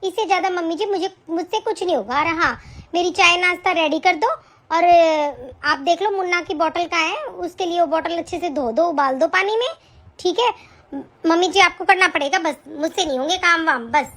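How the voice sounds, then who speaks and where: Bossy young daughter-in-law, high-pitched and commanding, played by a woman. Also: normal speed, fairly bright tone. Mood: demanding. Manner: scolding, commanding. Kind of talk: amateur family drama acting.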